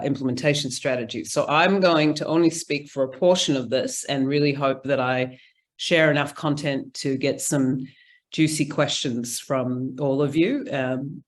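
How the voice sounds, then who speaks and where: A conference speaker talks through a presentation over a video call. The delivery is informal and conversational, full of ums and small restarts, at an ordinary middle pitch. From New Zealand. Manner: chatty, informal, frequent ums. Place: indoor room, remote.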